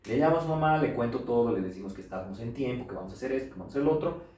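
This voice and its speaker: A man's voice: mid-range voice, rapid-fire, slight background noise. A middle-aged pathologist with a Bolivian Spanish accent, giving a lecture full of anecdotes and acting out the voices he quotes. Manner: animated storyteller, acts out quoted voices. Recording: roomy echo, voice from far off.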